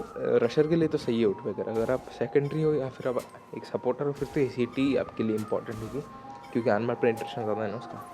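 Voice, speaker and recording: Young man doing excited game commentary over music. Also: medium pitch. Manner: excited, slangy, talks to viewers as "bhai". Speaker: gameplay commentator. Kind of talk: casual gameplay commentary. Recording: voice-over with loud background music.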